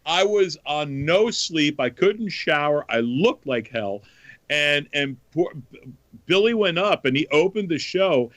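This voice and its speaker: A man hosting a podcast in casual chat, telling stories in an animated way. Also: on the high side, slow pace, no room sound. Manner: animated storyteller. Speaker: podcast host.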